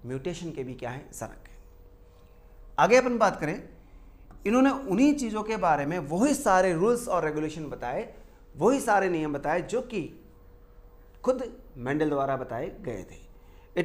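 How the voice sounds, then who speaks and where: A male teacher giving a classroom lecture. He asks the class questions and answers them himself, and he repeats key terms slowly. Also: high-pitched.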